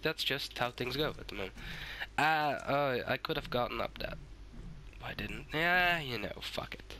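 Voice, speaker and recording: A sick, hoarse man giving swearing, excitable let's-play commentary and shouting at the game. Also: medium pitch, unhurried, a little hiss or hum. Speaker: gaming YouTuber.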